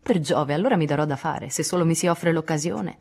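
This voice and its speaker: A woman voicing a restless, excitable teenage boy who resents his duties in a storybook reading. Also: sits low, fairly quick. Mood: rebellious. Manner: excitable, rebellious.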